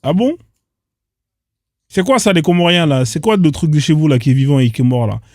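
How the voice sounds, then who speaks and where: A man's voice: a little high, expressive, a little fast, darkish tone, no echo, clean studio sound. A man hosting casual reaction commentary on odd internet clips, incredulous and firing off rhetorical questions in street slang. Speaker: host reacting to social media clips.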